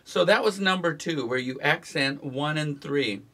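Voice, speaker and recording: A man teaching guitar strumming in a relaxed, instructional way, counting the beats aloud as he plays. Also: on the high side, unhurried. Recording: guitar playing behind the voice.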